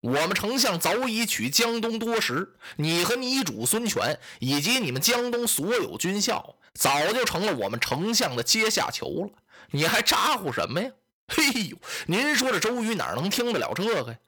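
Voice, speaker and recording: A man narrating a traditional storytelling tale in a lively, exclamatory manner, with a husky voice. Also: high voice, moderate pace.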